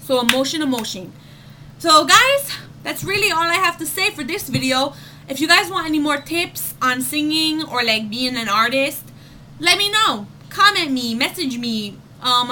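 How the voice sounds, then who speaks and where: A woman's voice: high voice, sharp tone, a little hiss or hum. A young woman giving casual singing tips in a home vlog, chatty with lots of fillers, breaking into short sung demo notes.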